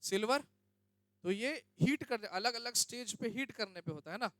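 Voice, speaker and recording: A man's voice: high voice, normal speed, a bit bright, no room sound. A young male teacher giving a classroom lecture, often asking students questions and checking that they understand. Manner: questions students, addresses them as beta.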